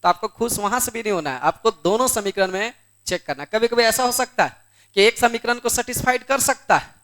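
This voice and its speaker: High-voiced, clear male math teacher. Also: lively intonation, a little fast, fairly bright tone. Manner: repeats questions and answers them himself, coaxing; scolds students in the room. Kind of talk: board exam lesson.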